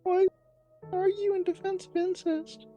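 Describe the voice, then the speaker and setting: A man putting on a high falsetto voice for a flustered, frantic young woman. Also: flat delivery, unhurried, mellow, faint music behind. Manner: frantic, overwrought melodrama. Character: breathless flustered young woman, the narrator's sister.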